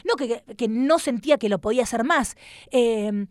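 Argentine woman comedian, high voice, lively anecdotes full of fillers. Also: moderate pace, no room sound, clean studio sound. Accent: Rioplatense Spanish. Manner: animated storytelling with many fillers and acted quotes. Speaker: comedian guest. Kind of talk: casual conversation.

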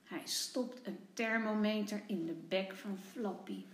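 A woman kindergarten teacher reading a picture book aloud to young children, gentle and expressive. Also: medium pitch, roomy sound. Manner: gentle, slow, expressive storyteller.

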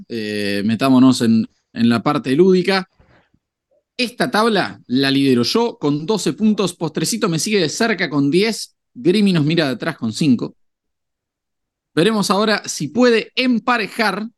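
Higher-voiced man hosting a sports podcast. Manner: playful, formal-mock address of guests. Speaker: podcast host. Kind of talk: casual podcast chat, quiz master.

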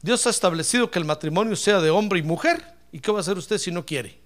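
A man's voice: sits high, lively intonation, fast. A man preaching a sermon as pastor, calling out praise and addressing listeners as brother. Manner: fiery preaching, shouting praise.

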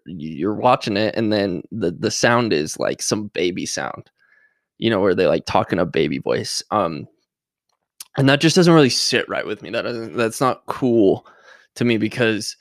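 A man's voice: fairly low pitch, fairly bright tone, no room sound, studio quality. A young man talking casually in a sarcastic, rambling vlog monologue full of fillers. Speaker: social media creator.

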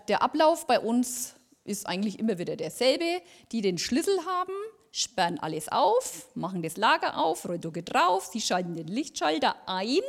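Woman, lay speaker, lively testimony with acted-out dialogue, slightly high voice. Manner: lively storytelling, acting out dialogue. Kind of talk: personal testimony in a church service. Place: church service.

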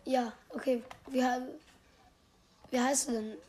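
A teenage girl with a hoarse, cracking voice, hosting casual game commentary in slangy, excitable bursts that drop to whispers. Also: high voice, a little slow. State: strained, cracking voice. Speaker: gaming podcast host.

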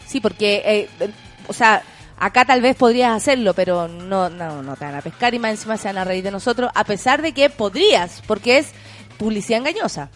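A Chilean woman hosts a morning radio show, chatting casually and reading the news and listener messages in a giggly, theatrical Chilean Spanish. Her mid-range voice is animated and a little fast, with soft music in the background.

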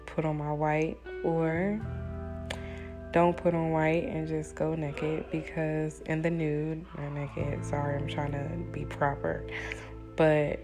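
Keeping her voice low and soft to avoid waking the baby, a podcast host talks through a solo monologue in a deep, slow, hushed way. She's candid and relaxed, using fillers and the odd swear word, her delivery level and flat, with clear plucked guitar beneath her.

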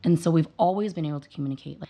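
Speaking as a guest in a relaxed interview, this mother and dental hygienist in her thirties races through earnest, lively stories. She acts out the quoted dialogue in a low voice.

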